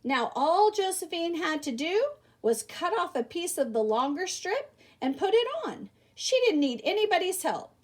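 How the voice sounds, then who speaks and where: With hardly a pause and at an ordinary pace, a high-voiced woman teacher reads a children's story, pitch leaping about as she plays up the emphasis for young ears. Exclamations and rhetorical questions pepper her lively, theatrical reading of the picture book.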